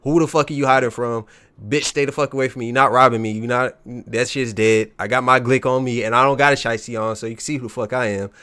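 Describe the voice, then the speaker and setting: A man's voice: mid-range voice, steady tone, fast, sharp tone, clean tone. A young American man on a casual podcast rant, blunt and profane, repeating his points in heavy slang. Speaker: podcast co-host.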